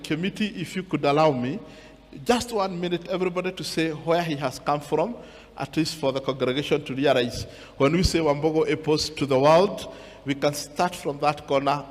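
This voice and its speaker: A man emceeing a launch event, mixing in Swahili as he calls guests forward. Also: a little high. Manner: mixes in Swahili, directs the crowd. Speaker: master of ceremonies. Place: event venue hall. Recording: reverberant hall with PA.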